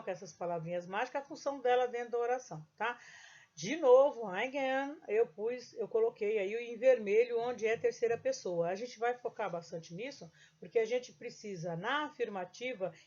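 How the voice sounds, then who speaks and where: A woman who speaks Portuguese natively, teaching English grammar in a recorded lesson. She explains patiently, reads the English example sentences slowly and keeps checking that the listener is following. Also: a little high, darkish tone. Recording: dull lo-fi recording.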